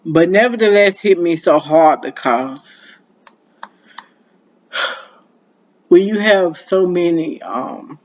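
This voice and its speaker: A man with a high voice preaches to his viewers at a slow, unhurried pace. He draws his words out, sighs often, and calls his audience "y'all". The sound is dull and lo-fi, like basic home video audio. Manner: slow, drawn-out delivery with frequent sighs, addressing viewers as y'all. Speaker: minister. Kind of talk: motivational preaching to camera.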